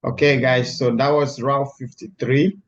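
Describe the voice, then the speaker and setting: A man teaching a live online class, heard through a screen-recorded video call, talking in a halting way with many restarts. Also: medium pitch, fairly even intonation, highs cut off. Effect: screen-recorded video call audio. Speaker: instructor. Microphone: computer mic on a video call.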